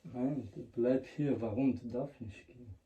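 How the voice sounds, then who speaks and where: A man's voice: mid-range voice, unhurried, warm tone, muffled recording. A man who is not a native speaker, talking tersely in short, simple, broken sentences. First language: not German. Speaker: husband. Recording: roomy, far from the mic.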